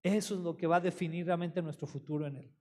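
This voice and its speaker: A man preaches a sermon in a high, lively voice. He tells his story with energy and keeps asking his congregation questions. A long reverb from a church hall trails behind his words. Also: fast talker. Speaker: pastor.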